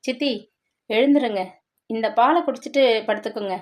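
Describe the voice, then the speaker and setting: A woman's voice: fairly high pitch, moderate pace, natural voice. A woman voicing a devoted young schoolteacher. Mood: gentle. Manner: gentle, earnest. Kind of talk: dramatic storytelling.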